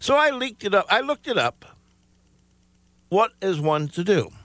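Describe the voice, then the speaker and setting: A man's voice: high-pitched, sing-song, unhurried, a bit bright, no echo. A man telling a rambling comic story, hesitant and full of self-praise.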